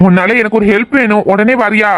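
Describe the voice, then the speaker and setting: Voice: medium pitch, steady tone, fairly quick, natural voice. A performer voicing a bold, joking young man in an audio drama, with a teasing, cocky manner. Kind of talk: amateur audio drama acting.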